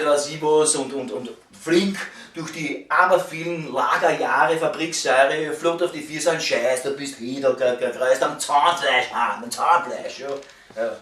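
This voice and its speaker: A man's voice: mid-range voice, a little slow, a bit bright. A man in his fifties with a Viennese accent rants casually like a grumbling waiter, swearing and stumbling over repeated words in agitation. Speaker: waiter venting about the job. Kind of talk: casual rambling vlog rant. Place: at home, indoors. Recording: roomy echo, distant mic, clicks and noise.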